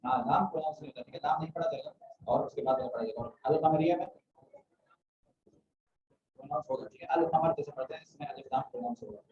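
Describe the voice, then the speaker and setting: A man's voice: fairly high pitch, quick pace, long pauses. A man teaching an Arabic grammar class, quizzing students and often checking "theek hai?". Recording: roomy, muffled classroom audio from a distant mic.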